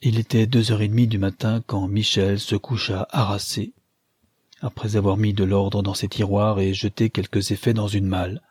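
A man narrating a classic novel in a steady, measured reading. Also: lowish voice, husky, dry recording. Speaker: audiobook narrator.

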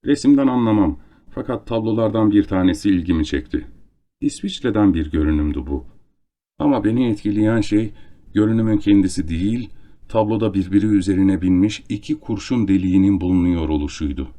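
A man narrating an audiobook in a calm, even reading manner. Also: on the low side, brisk. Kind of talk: scripted narration.

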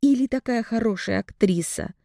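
A woman's voice: fairly high pitch, normal speed, vocal fry, warm tone, dry recording, clean studio sound, pitched above the performer's own voice. A woman voicing a cold, enraged man defending himself against accusations. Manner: icy then raging.

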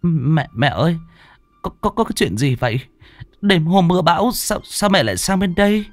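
A man's voice: fairly high pitch, animated, normal speed, no echo, soft background music, voice pushed up. A man doing a stammering frightened young wife. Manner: stammering, anxious.

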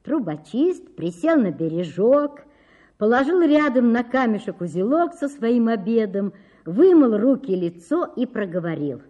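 Lively, mellow woman reading a fairy tale. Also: fairly high pitch, unhurried. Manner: expressive, lively storytelling. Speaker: storyteller.

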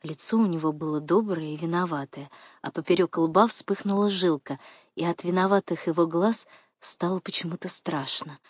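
A woman narrating an audiobook in an expressive, intimate way. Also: fairly low pitch, moderate pace, husky, dry recording, studio quality.

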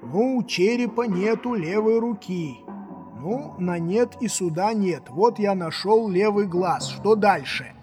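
A woman voicing a timid old male servant in a storybook reading, slow, drawling and fearful, with long reverb and faint music behind. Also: medium pitch, animated, a little mellow.

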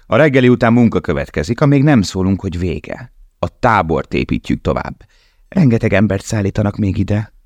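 Guy reading as a smug camp guard, barking orders, gravelly, raised pitch, dry sound. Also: expressive, a little mellow, dry recording. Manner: barked commands. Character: harsh male camp guard, smug and threatening.

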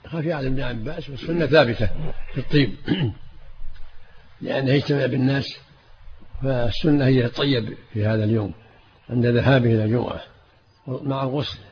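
A man's voice: mid-range voice, fairly quick, pauses often. An older man, commenting as a sheikh at a hadith reading session, answering briefly and repeating words as he searches for them. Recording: dull lo-fi old tape with faint hiss.

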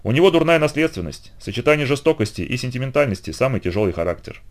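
A man voicing a calm, wise male centaur, speaking softly with gentle irony in an audiobook. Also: mid-range voice, rapid-fire, natural voice. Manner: soft, calm, gently ironic.

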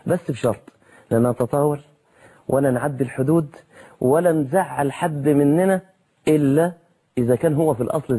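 A man's voice: mid-range voice, dark tone, husky. A man with an Egyptian accent preaching on television in a colloquial way, full of rhetorical questions. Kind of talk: televised sermon.

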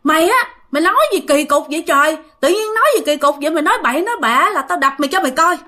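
A woman's voice: high-pitched, lively intonation, voice pushed up. A woman voicing a fiery, scolding middle-aged sister-in-law. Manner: shouting, rapid scolding.

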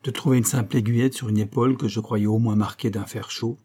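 A man narrating a nineteenth-century story as an audiobook, measured and expressive. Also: lowish voice, breathy edge. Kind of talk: literary audiobook reading.

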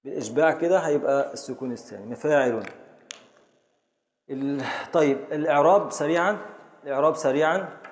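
A man with an Egyptian accent teaching a class on Arabic prosody and grammar. He drills syllables slowly, stretching words to beat out the meter, and calls on students. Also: fairly high pitch. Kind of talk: classroom lesson, calling on students. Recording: echoey hall with long reverb.

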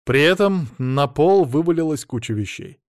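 A man narrating an audiobook in a steady, expressive reading. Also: fairly high pitch, normal speed, dry recording, clean studio sound.

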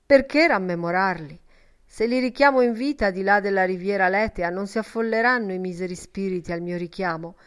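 A woman's voice: medium pitch, brisk, clean tone, natural voice. A woman reading the part of a proud young male poet in an audiobook, speaking in a grandiose, declamatory way. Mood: lofty.

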